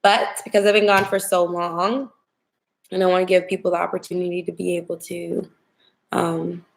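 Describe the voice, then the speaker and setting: Young female livestream host, smoky whiskey voice with heavy fry, getting over a cold, informal direct chat. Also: on the low side, little pitch movement, moderate pace. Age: young adult. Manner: chatty, informal, addressing viewers directly. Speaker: tarot reader hosting a livestream. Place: home kitchen, indoors.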